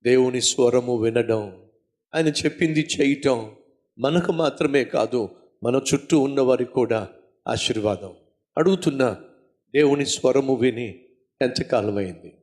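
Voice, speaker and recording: A male pastor delivers a sermon as a story, pressing his points through repetition. His voice sits in an ordinary middle pitch. He keeps turning to the listeners with direct questions. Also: unhurried, pauses often, darkish tone.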